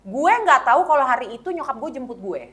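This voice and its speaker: A woman's voice: sits high, very animated, fast talker. A woman, co-hosting a casual chat and telling a story animatedly, acting out the quotes. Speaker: co-host.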